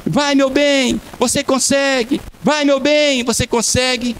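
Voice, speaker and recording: A man's voice: very high-pitched, fairly even intonation, a little slow, a bit bright, a little hiss or hum, pitched above the performer's own voice, poor audio. A man putting on the voice of a loving wife who keeps cheering her husband on, in a sing-song, repeated chant, during a sermon. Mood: encouraging. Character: encouraging wife, adult woman, loving cheerleader.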